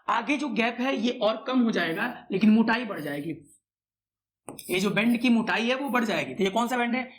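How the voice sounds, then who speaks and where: A male physics teacher lectures in a chatty way. He asks quick questions and answers them himself. He repeats the key terms again and again. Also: high voice. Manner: chatty asides, calls students "brother". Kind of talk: classroom-style lecture.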